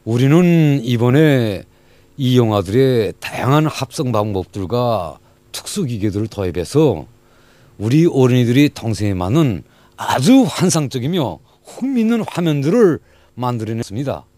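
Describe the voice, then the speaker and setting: A man's voice: mid-range voice, big pitch swings, moderate pace, dark tone, no echo. A man with a North Korean accent explaining his studio's work in a prepared interview. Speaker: film studio staff being interviewed.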